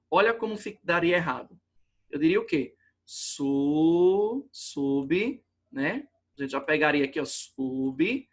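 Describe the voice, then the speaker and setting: Brazilian guy teaching class, takes it slow, keeps asking if u got it. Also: high-pitched, bright, forceful tone. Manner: patient, checks understanding often, points at board. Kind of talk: classroom grammar lesson.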